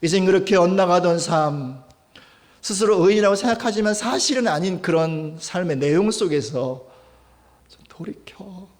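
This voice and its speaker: A male pastor preaching at a church service with a slightly raised voice. He talks to the congregation conversationally and keeps asking them questions. He rises to loud emphasis, then drops to hushed, almost whispered asides. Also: sits high, lively intonation, moderate pace. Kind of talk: sermon.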